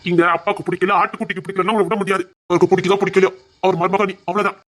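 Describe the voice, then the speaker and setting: A woman's voice: medium pitch, little pitch movement, racing, natural voice. A woman voicing a drunk, possessive young husband who slurs and insists. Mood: earnest insistent.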